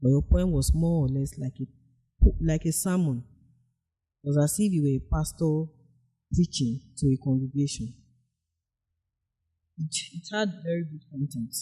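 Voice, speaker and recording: A man with a husky voice, giving a formal, deliberate, elocutionary critique as a contest judge. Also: fairly high pitch, dark tone, rough recording.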